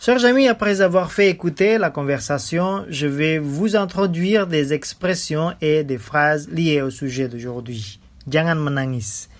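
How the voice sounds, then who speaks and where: A woman presenting a scripted radio language lesson, speaking slowly and repeating each phrase twice. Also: low voice, a little hiss or hum.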